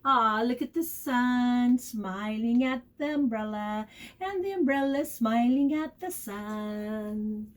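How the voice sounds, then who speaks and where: A preschool teacher reads a picture book aloud during a storytime and vocabulary lesson for young children. She speaks expressively and encouragingly, asks her listeners questions, and stretches out key words. Her voice is a little high and she takes it slowly.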